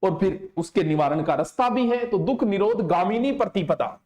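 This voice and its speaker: A man giving an exam coaching lecture in a fairly high voice. He speaks emphatically and repeats terms slowly so students can take notes. The voice bounces around a roomy, echoing space. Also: expressive, a little mellow. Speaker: teacher. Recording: roomy echo.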